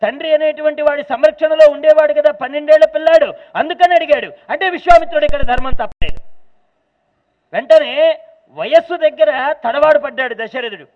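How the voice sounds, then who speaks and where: A man's voice: extremely high pitch, fairly quick. A man giving a devotional sermon, telling a sacred story expressively and asking rhetorical questions. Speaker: pravachanam speaker. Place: large temple hall. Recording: tinny phone-like sound in a reverberant hall.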